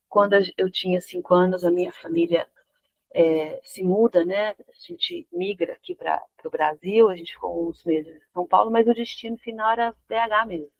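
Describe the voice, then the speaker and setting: A woman in her fifties from Argentina, a guest dancer talking casually in an interview, relaxed and pausing to find her words. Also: mid-range voice, vocal fry, muffled recording. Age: 50s. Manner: relaxed, searching for words with restarts.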